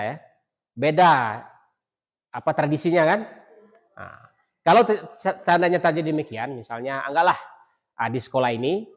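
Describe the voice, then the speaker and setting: Middle-aged teacher, higher voice. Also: male voice. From Indonesia. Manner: rhetorical questions, many fillers and restarts. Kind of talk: classroom lecture.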